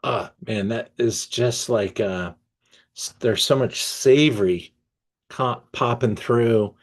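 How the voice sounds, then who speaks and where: A man hosting an online wine tasting, reading tasting notes aloud and breaking off to react with enthusiasm, often pausing with fillers and restarts. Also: mid-range voice. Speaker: wine merchant presenting a tasting.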